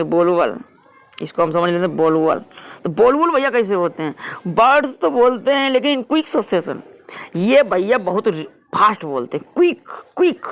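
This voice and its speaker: A male teacher runs a vocabulary lesson in a high voice. He repeats each word several times and reads the English examples slowly, stressing every word.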